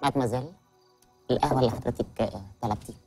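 An actor with an Egyptian accent playing a boastful, nervous sidekick who stammers in a comedy series. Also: male voice, mid-range voice, rapid-fire, darkish tone, soft background music, natural voice. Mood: jittery.

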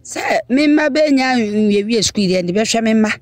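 A woman's voice: fairly high pitch, animated, normal speed, darkish tone. A woman with a Ghanaian accent, answering a street interviewer earnestly outdoors. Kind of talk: casual answers.

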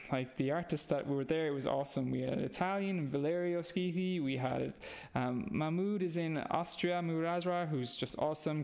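A man in his thirties from Ireland, with an Irish accent and a slightly high, gravelly voice, sketches at home in a small, dim room. He's a comic artist giving a chatty, encouraging live drawing lesson.

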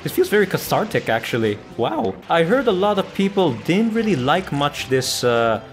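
A man doing let's play commentary, chatty and breaking into excited yelling at the game. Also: fairly high pitch, moderate pace. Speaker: gaming YouTuber. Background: faint game music.

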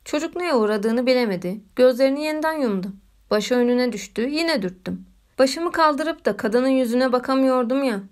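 A woman reading a story aloud as a narrator, in a measured and expressive way. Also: high voice. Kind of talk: audiobook narration.

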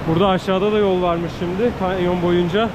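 A man's voice: sits high, flat delivery, fairly quick, highs cut off. A man chatting casually and jokily to his companion as he hosts an outdoor hiking vlog. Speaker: vlogger filming a hike. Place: outdoors on an Alpine hiking trail. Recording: noisy outdoor recording with ambience.

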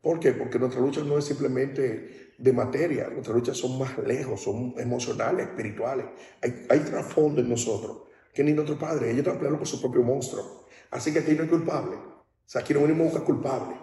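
A man's voice: medium pitch, fairly quick, dark tone, recorded from a distance. A male pastor from the Dominican Republic preaching at a baptism, in a conversational style that keeps asking listeners whether they understand. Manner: conversational preaching, often asks "¿entiendes?". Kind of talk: sermon. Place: large hall at a baptism service. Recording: echoey hall, speaker off-mic.

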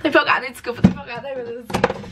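A young woman from Brazil chatting excitedly to her viewers in a casual home vlog. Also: sits high, rapid-fire, loud music behind the voice. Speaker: YouTuber. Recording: distant mic with clear background noise.

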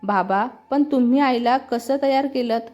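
An emotional, affectionate young woman from a family story, as a woman narrator reads her, fairly high in pitch. Quiet music runs under a slightly dull sound. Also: unhurried. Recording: slightly muffled with soft music.

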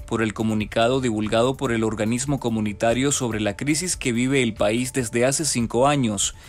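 A man reading a scripted news voice-over in a steady, formal newsreading manner. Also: mid-range voice, normal speed. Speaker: news narrator.

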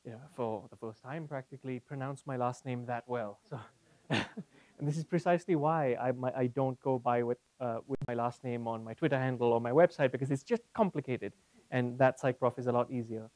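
A university psychology professor from Bombay, India, gives a conversational, articulate conference lecture as a guest speaker, weaving in personal stories for a small seated audience in a classroom. His voice is medium-pitched and darkish, and he talks briskly. The audio is echo-free but of poor quality.

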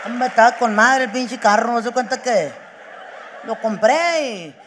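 A woman voicing a sentimental middle-aged man with a Mexican accent, halting and choked up as he mumbles about the past. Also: a little high, a bit bright, in a large hall, a faint crowd, slight background noise. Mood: weepy. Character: sentimental middle-aged man mourning his old car.

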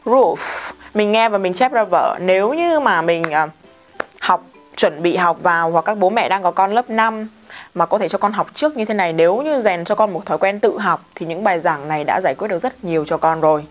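Vietnamese-accented female English teacher, careful slow drills, brisk asides, faint music bed. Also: lowish voice, animated. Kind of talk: vocabulary pronunciation lesson.

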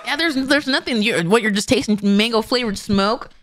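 A woman's voice: on the high side, normal speed, some chatter behind, slight background noise. A woman streamer reacting live to a video, blunt and full of slang. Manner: slangy, blunt, says "bro" often.

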